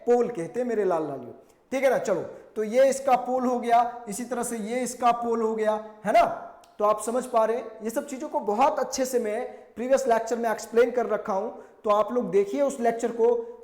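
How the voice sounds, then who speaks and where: High-voiced man teaching in an echoey room. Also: a little mellow. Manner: asks and answers his own questions, repeats key terms; mixes English technical phrases into Hindi, read out slowly. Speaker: physics teacher. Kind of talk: classroom lecture.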